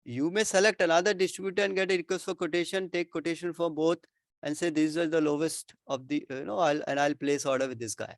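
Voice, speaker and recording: A man's voice: fairly high pitch, steady tone, quick pace, no echo, studio quality. A man with an Indian accent explaining things informally as an expert answering questions, often repeating himself and checking with "right?". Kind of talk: informal explanatory Q&A with worked examples.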